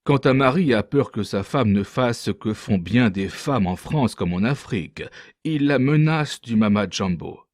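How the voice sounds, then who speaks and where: A man's voice: medium pitch, unhurried, no echo, studio quality. A man voicing a boastful, scornful male ship's interpreter telling a mocking tale in a storybook reading. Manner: lively mocking anecdote-telling.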